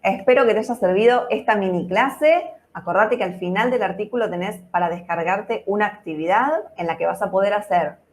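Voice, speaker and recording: Rioplatense lady teacher explaining grammar step by step, patient, mid pitch, keeps checking in. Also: brisk, hardly any pauses, darkish tone. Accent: Rioplatense Spanish. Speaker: English teacher. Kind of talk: online mini lesson.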